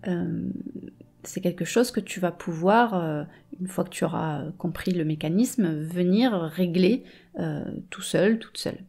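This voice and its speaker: A woman's voice: fairly low pitch, a little slow, creaky, warm tone, husky. A woman teaching informally, hesitantly searching for her words as she speaks directly to the listener. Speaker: meditation and hypnosis teacher.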